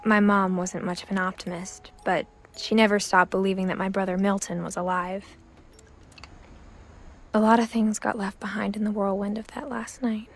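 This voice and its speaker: A young woman performs first-person game narration as a teenage girl looking back on her family, her tone wistful and understated. She speaks at a moderate pace in a flat, medium-pitched voice close to everyday speech, with a little hiss or hum in the recording.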